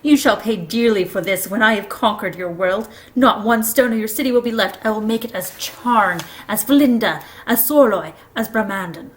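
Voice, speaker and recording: A woman voicing a proud, cruel witch queen who speaks in a clear, ringing, threatening way. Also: medium pitch, normal speed, hardly any pauses, natural voice.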